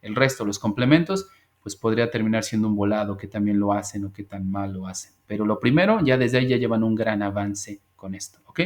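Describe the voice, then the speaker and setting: A man teaching an English class over a video call, patient and repetitive as he drills pronunciation. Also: fairly low pitch. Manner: patient, drills pronunciation slowly and repeats words. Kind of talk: online class lesson.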